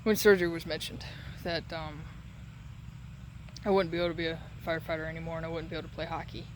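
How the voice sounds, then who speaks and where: High voiced guy doing a rambly halting vlog after surgery, sore throat, bit of noise behind him. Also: flat delivery. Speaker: patient giving a recovery update. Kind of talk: casual solo vlog.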